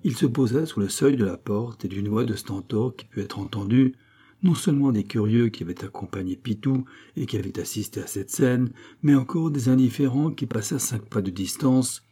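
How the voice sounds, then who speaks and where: A man reading a classic novel aloud in a measured, expressive storytelling manner. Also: mid-range voice, husky. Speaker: audiobook narrator. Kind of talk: literary audiobook narration.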